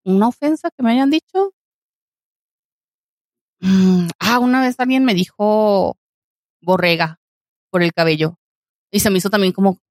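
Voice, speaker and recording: A woman's voice: mid-range voice, dry recording, clean studio sound. A young woman with a Mexican Spanish accent chatting casually and telling anecdotes in slangy speech, often laughing. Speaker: podcast co-host. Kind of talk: casual chat, storytelling.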